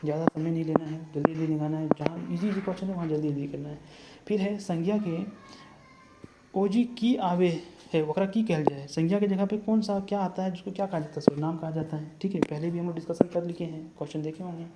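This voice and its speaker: A man's voice: a little high, fairly even intonation, fast, very noisy. A man teaching an exam class, thinking aloud and repeating answers as he asks the class. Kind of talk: explaining a mock test.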